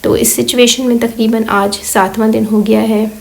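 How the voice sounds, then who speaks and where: Hoarse sick woman rambling thru her vlog, flat gravelly low-key voice. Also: poor audio. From Pakistan. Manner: slow, rambling, many fillers. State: hoarse and weak from illness. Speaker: vlogger. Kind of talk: casual voice-over vlog.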